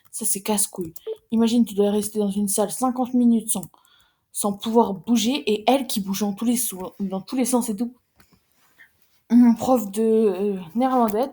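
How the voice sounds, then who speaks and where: A teenage girl, chatting casually to her viewers in a fast, rambling, slangy way with some swearing. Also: mid-range voice, dark tone. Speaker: vlogger, secondary school student. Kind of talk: casual chat to camera.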